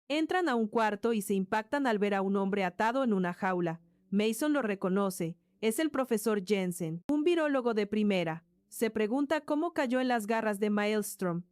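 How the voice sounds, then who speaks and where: A woman's voice: medium pitch, darkish tone, no echo, studio quality. A woman narrating a story in a scripted way, voicing sound effects like crashes and thuds along the way.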